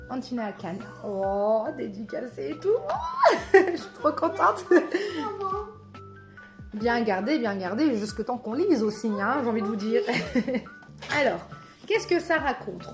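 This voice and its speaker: A woman with a French accent chatting excitedly about books as she unboxes them, laughing often and reading the blurbs aloud. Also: on the high side. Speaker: book vlogger. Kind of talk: casual unboxing chat.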